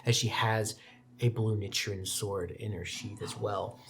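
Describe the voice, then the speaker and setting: As game master for a tabletop roleplaying game, a man narrates and sets scenes in a measured way, dropping his voice soft for quiet details. His voice is on the low side, steady, and gravelly, heard over a noisy crowd.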